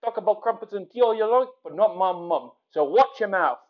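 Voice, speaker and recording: A man's voice: high voice, expressive, fairly quick, phone-quality sound. A man putting on an as a touchy bloke ready to fight. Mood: combative.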